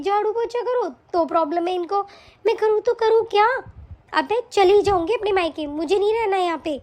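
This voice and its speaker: A woman voicing a young, put-upon daughter-in-law in a cartoon, pleading and hurt. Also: very high-pitched. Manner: pleading, soft-spoken. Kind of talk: cartoon voice acting.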